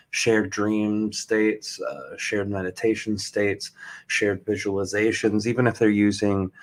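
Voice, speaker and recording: A man's voice: on the low side, a bit bright. A man hosting a podcast in casual interview chat, reflective and affirming, reading out listener questions. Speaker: podcast host.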